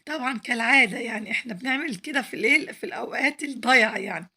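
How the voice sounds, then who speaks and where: A woman with an Egyptian Arabic accent, hoarse from losing her voice, chatting to viewers as she cooks on her home cooking vlog. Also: fairly high pitch, very fast, bright, forceful tone. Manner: chatty, addresses viewers directly, pleads for likes. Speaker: cooking channel host.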